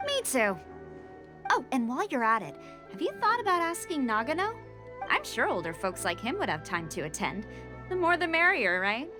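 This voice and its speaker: A woman's voice: high-pitched, very animated, moderate pace, over music. A chirpy townswoman. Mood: cheerful. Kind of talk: video game voice acting.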